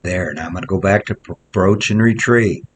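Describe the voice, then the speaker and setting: A man's voice: deep voice, a little fast. A male horse trainer gives plainspoken commentary while working a horse outdoors in the snow, repeating short coaching phrases. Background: wind.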